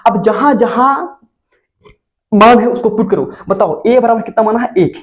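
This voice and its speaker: Guy teaching chemistry, high voice, keeps asking the class stuff and answering it himself. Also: moderate pace. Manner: coaxing, asks students questions and answers himself. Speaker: school teacher. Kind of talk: chemistry lesson for board exam students.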